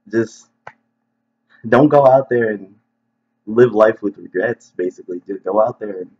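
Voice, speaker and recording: A man talking earnestly to viewers from home in a halting, reflective vlog monologue, often restarting his sentences. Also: mid-range voice, slightly rough. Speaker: video creator. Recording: dull lo-fi recording.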